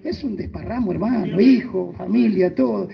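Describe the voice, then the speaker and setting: A man's voice: high voice, normal speed, vocal fry. A man preaching a sermon as pastor, emphatic, with sudden rises and drops. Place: church. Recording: muffled lo-fi church recording.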